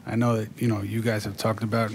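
A male reporter asking measured questions at a press conference, heard off camera. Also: fairly low pitch, flat delivery, creaky, slight background noise.

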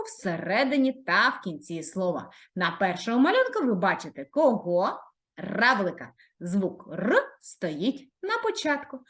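Bright-voiced, sing-song woman teacher. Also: mid-range voice. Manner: drawn-out, sing-song words for children; encouraging, addresses the children. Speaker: primary school teacher. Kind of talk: video reading lesson for young children.

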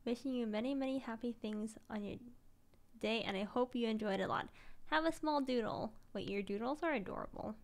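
A young woman streams from her desk mic, casually reading viewer messages aloud. She sounds tired but gushing and emotional, with a voice pitched a little high, and now and then drops to a soft whisper. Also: a little fast.

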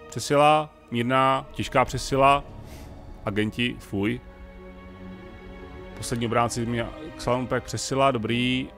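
Czech male let's-player, gravelly voice, musing casual commentary over faint game music. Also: mid-range voice. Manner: thinks aloud, talks to game characters.

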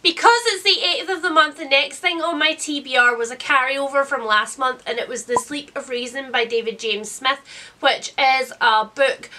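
A woman's voice: high-pitched, steady tone, moderate pace, sharp tone, a little hiss or hum. A woman in her thirties, sounding sick with a cold, chats casually about books in a chatty, self-deprecating way. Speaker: book vlogger. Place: indoors, small book-lined room.

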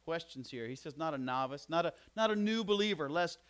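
A man's voice: fairly high pitch, lively intonation, fairly quick, fairly bright tone, clear, resonant tone. A man preaching a sermon as pastor in a church, with rhetorical questions and joking asides. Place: church sanctuary.

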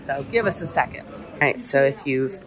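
A travel vlogger in her thirties from the United States talks to her phone camera at arm's length on a ship deck and in a port terminal. Her voice is extremely low-pitched yet expressive, at a moderate pace, and she chats casually while explaining each step.

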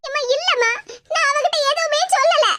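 Woman doing a squeaky defensive cartoon daughter. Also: a little fast, background noise. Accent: Kanyakumari Tamil. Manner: pleading, defensive. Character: young woman college student, defensive daughter. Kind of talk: cartoon comedy dub.

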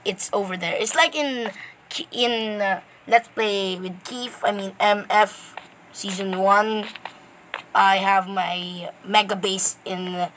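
A woman chats her way through a game, rambling and excitable as she talks straight to viewers. Her voice sits at an ordinary pitch for a woman. A clear hiss runs under the home recording, with clicks throughout. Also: takes it slowly, poor audio. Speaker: gameplay commentator. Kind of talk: casual gameplay commentary.

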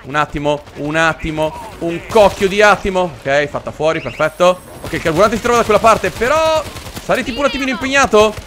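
Excitable young man playing a game. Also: high voice, brisk, slight background noise. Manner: excitable, joking, jumps to yelps and shrieks when surprised. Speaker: gaming channel host. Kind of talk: let's play commentary.

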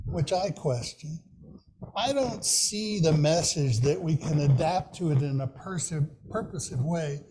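A man in his sixties, a minister, giving a sermon in a small church room, reading in a slow, measured way from his notes. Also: on the high side, lively intonation, darkish tone, a little hiss or hum, poor audio.

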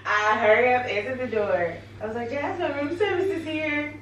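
A woman's voice: high voice, moderate pace, recorded from a distance. A young woman telling a friend a funny story, playful and laughing through it. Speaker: travel companion. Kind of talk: casual chat with a friend. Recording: loud noise, roomy, off-mic.

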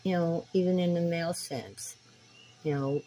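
A woman's voice: on the low side, moderate pace, dark tone, poor audio. A woman in her sixties talking earnestly to a phone camera in a small dim room, preaching directly to her viewers. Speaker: spiritual tarot vlogger. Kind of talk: casual talk to camera. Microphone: phone camera at arm's length.

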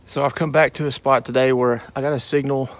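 Speaking quickly in a flat, medium-pitched voice, a relic hunter narrates his dig vlog out in the woods or fields. He addresses his viewers as he digs, sounding earnest and devout.

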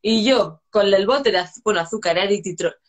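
A woman's voice: medium pitch, a little fast. A woman from chatting casually about parenting, telling family anecdotes with lots of restarts and "¿sabes?". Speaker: psychologist and co-host of live chat. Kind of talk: casual live-stream chat on parenting.

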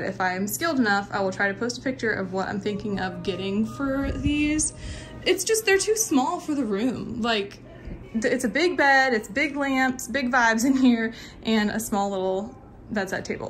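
A woman's voice: on the high side, moderate pace, soft background music. A woman, chatting casually and rambling as she films a tour of her own house on a handheld phone. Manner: chatty, rambling, self-deprecating, trails off and restarts. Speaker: lifestyle vlogger. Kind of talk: casual home-tour chat. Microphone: phone camera on a handheld stick.

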